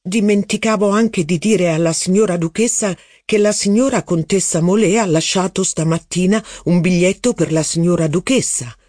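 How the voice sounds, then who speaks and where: A man's voice: sits high, moderate pace, hardly any pauses, a little mellow, dry recording, studio quality, pitched above the performer's own voice. A man reading the lines of an anxious, servile footman in an audiobook. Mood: deferential. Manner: deferential, reporting news eagerly.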